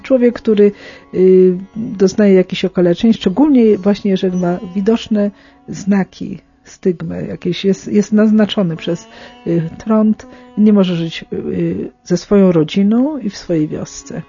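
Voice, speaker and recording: A middle-aged woman with a soft, mellow voice gives an unscripted radio interview. She explains carefully but haltingly, restarting and correcting herself as she goes. The recording is slightly muffled, with faint music behind her. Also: mid-range voice, vocal fry, husky. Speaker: interviewed aid worker among lepers in India.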